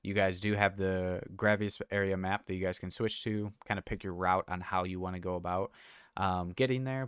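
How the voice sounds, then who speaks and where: A man runs a tabletop game with a low, smooth voice, narrating in a relaxed, unhurried way with frequent fillers. The sound is dry and close. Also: no room sound. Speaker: game master.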